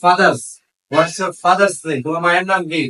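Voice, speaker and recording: A man's voice: high voice, fairly even intonation, normal speed, sharp tone, recorded from a distance, low-quality recording. A man teaching a class how to form English questions, switching between Bengali and English and quizzing his students. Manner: asks the class questions and repeats answers.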